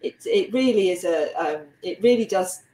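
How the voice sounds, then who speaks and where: Chatty woman w a south london twang doing an interview, really animated pitch, echoey room. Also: moderate pace. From lived a long time in South London. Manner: chatty, laughs often. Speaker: interview host. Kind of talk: casual video-call interview. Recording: roomy echo, faint background noise.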